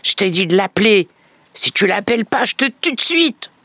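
A woman's voice: mid-range voice, big pitch swings, moderate pace, bright, forceful tone, slightly rough, dry recording, voice pushed up, exaggerated voice. A woman storyteller voicing a cruel stepmother who gives harsh, threatening commands.

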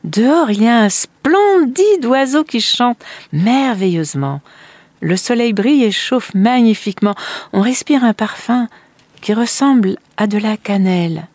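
A woman reading a storybook and voicing an eager, awestruck father with bright, marvelling exclamations. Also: a little high, animated, unhurried, no room sound, pitched above the performer's own voice. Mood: awed.

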